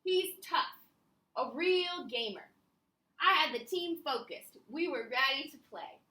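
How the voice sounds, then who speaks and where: A woman reading the lines of a proud male high school football coach, with emphatic praise. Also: animated, measured pace, pushed and bright, exaggerated voice. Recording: echoey room.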